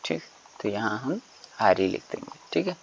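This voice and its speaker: A man's voice: fairly low pitch, sing-song, moderate pace, husky. Male teacher, patient step-by-step explainer who keeps quizzing the class, dull lo-fi recording. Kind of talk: textbook lesson explanation.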